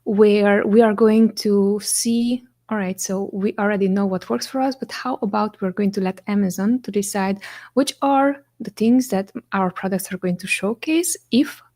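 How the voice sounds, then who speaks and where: A young native Romanian woman who co-founded an agency hosts a live Q&A stream in English, her voice at a middle pitch for a woman. She walks through each point step by step in a relaxed, conversational style, often pausing on "um" and checking in with "right?".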